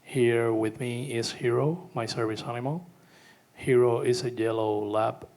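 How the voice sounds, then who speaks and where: A man's voice: mid-range voice, steady tone, unhurried, darkish tone. A man working as an artistic director, introducing himself politely and formally.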